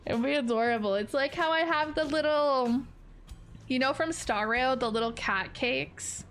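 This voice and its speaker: High-pitched playful woman streamer. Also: moderate pace, fairly bright tone. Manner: playful and giggly, chatting to viewers. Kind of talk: casual gameplay commentary.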